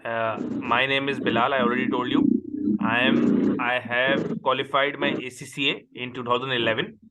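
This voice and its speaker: Patient and slow, the Urdu-speaking Pakistani tutor repeats his questions while interviewing an accounting student by video call. His mid-range voice stays level, and the noisy call audio sounds dull.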